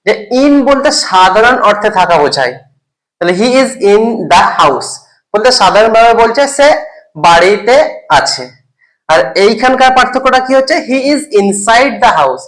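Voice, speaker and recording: In a recorded lesson, a teacher explains a grammar point, often asking questions to make sure the listener is following. Example sentences in English are spoken slowly, word by word. The voice sits at a medium pitch with a fairly bright tone, and the recording is rough.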